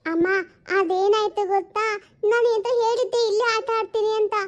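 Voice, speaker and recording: A woman's voice: extremely high pitch, normal speed. A woman voicing a small schoolboy who explains himself eagerly and begs not to be sent away. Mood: explaining. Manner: childish, whiny, begging.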